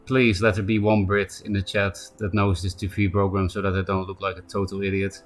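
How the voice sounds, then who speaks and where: A man with a Polish accent live-streams a card game, chatting casually, answering viewers by name, and tossing in quick asides. His voice is low and level, with soft background music.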